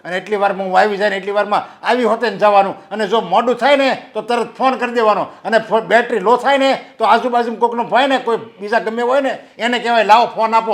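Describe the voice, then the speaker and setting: Brief: a high-voiced middle-aged dad, agitated and scolding. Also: male voice. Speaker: worried father of the bride. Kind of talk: Gujarati film acting.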